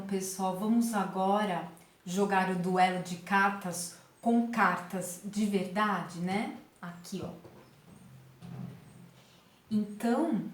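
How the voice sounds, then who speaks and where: Slow patient woman teacher. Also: mid-range voice. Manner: patient, slow, clear word-by-word explaining. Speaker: literacy teacher. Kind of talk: online lesson demonstration.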